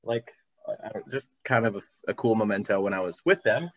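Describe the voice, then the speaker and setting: Over slightly dull video call audio, a YouTuber and car enthusiast tells rambling, self-mocking anecdotes as a guest. His voice sits on the low side, moves with lively intonation, and runs a little fast.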